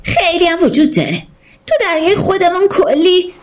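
A woman's voice: very high-pitched, sing-song, pitched above the performer's own voice. A woman voicing a small, cautious winged creature who talks in a shaky, worried, complaining way.

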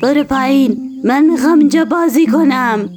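A woman's voice: sits high, a little mellow, slight background noise, lightly acted. A woman voicing a pushy, impatient little squirrel in a children's audio story. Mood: bossy.

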